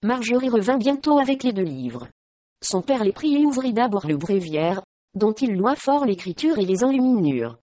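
A woman narrating a historical storybook in a calm, even reading voice. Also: mid-range voice, no room sound, dull audio. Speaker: audiobook narrator.

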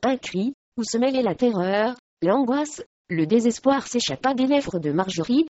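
A woman narrating an audiobook in an even, measured reading voice. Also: a little high. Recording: dry, slightly muffled recording.

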